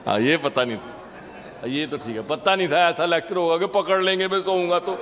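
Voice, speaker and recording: Brief: male lecturer, high voice, chatty sermon full of questions to the crowd, long reverb of a temple hall. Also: moderate pace, fairly bright tone. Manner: conversational, teasing the audience with questions. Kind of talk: Sunday sermon.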